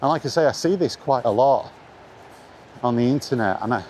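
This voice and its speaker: A middle-aged man walking outdoors in the rain vlogs about retro games, giving casual, blunt opinions and hammering his points home through repetition. His medium-pitched voice is expressive, darkish in tone and a little fast, and the recording is noisy with ambient sound.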